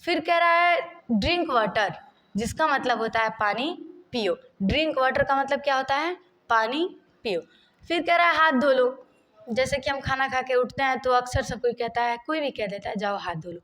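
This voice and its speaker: A woman's voice: high-pitched, moderate pace, fairly bright tone. A woman teaching everyday English phrases, explaining each one, repeating it and asking rhetorical questions. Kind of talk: spoken language lesson.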